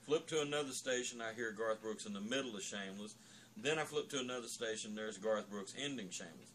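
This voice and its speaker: A man's voice: fairly low pitch, a little fast, a bit bright, a little hiss or hum, rough recording. A man giving a drunken, opinionated, profane rant in a rambling storytelling way.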